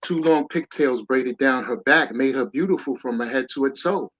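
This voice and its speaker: Here a man reads his rhyming kids' story as a guest author, keeping a rhythmic storytelling cadence and lively stresses. His voice sits mid-range at a normal speed with no echo, captured in dull, lo-fi audio.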